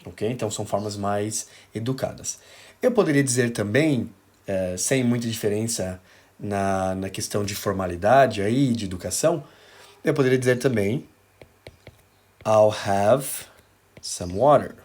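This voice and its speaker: A man with a Brazilian Portuguese accent teaching an English lesson on video, explaining slowly with examples and often checking in with a quick "ok?". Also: on the low side, darkish tone.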